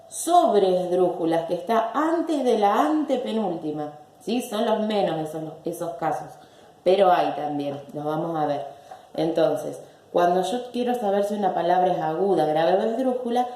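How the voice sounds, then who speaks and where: A woman's voice: fairly low pitch, warm tone, reverberant. A woman teacher giving a recorded language lesson, patiently repeating words syllable by syllable.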